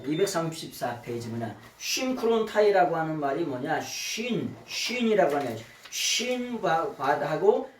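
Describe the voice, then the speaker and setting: A male pastor preaching a Bible study sermon, acting out dialogue and often prompting the congregation with questions. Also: on the high side. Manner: animated, acts out dialogue, keeps asking "예?". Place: church sanctuary. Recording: echoey room, mic from far, faint noise.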